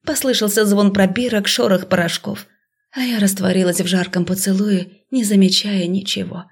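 A woman narrating a first-person romantic fantasy novel with a medium-pitched voice. Her reading is expressive and sinks into soft, breathy hushes in the intimate moments. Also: normal speed. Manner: expressive, drops to a hush in intimate passages. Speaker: audiobook narrator.

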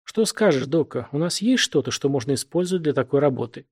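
A man's voice: fairly high pitch, expressive, fast, darkish tone, husky. A man doing a young, bemused starship captain. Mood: lively. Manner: light, bemused.

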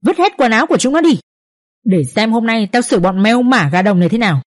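A woman voicing a stern young master, the third son, who barks orders in a sharp, raised voice. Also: on the high side, lively intonation, quick pace, dry recording, studio quality. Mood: commanding. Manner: barking orders, cold authority.

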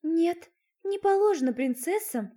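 A woman voicing a stubborn, haughty young fairy-tale princess with a shrill, indignant tone. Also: animated, unhurried, dark tone.

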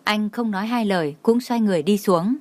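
A woman narrating an audio novel in a steady, even reading. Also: medium pitch, brisk, no echo.

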